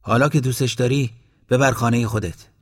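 A man's voice: mid-range voice, fairly even intonation, in a large hall, pitched above the performer's own voice, natural voice. A man voicing an authoritative village headman in a storybook reading.

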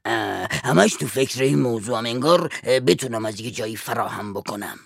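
A broke, bossy father hems and stammers, his voice gravelly yet bright and edged, recorded dry and close. A man acts him out in a story recording. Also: medium pitch, no echo. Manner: hesitant, stammering with filler sounds. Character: broke, fast-talking father, wheedling and bossy. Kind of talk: audiobook voice acting.

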